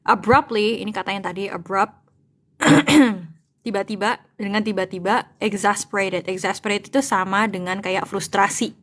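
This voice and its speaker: A woman's voice: mid-range voice, normal speed, fairly bright tone. A woman reading a novel aloud in English and translating it line by line into Indonesian. She talks casually, thinks aloud and searches for words, and mixes both languages freely. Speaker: online English-to-Indonesian tutor.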